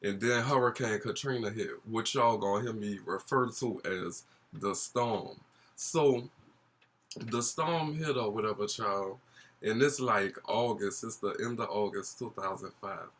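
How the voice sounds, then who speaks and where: A man's voice: on the low side, measured pace, fairly bright tone. A young man with a New Orleans accent telling a casual vlog story in a gossipy, sassy, slangy way. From New Orleans, USA. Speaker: YouTube storyteller.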